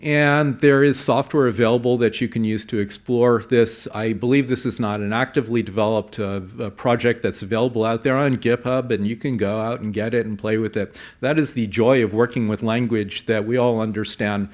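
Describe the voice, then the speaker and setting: A man presenting a conference talk, explaining with a measured pace and frequent fillers. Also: medium pitch, fairly even intonation. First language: English. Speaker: conference speaker. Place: conference hall.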